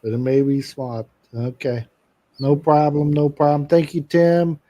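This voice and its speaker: A man co-hosting a relaxed live stream, with a slightly raised pitch. His voice is mellow and warm. He chats loosely and often pauses on "uh". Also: dry recording. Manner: chatty, shouts out viewers, many "uh" fillers. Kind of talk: casual live-stream chat.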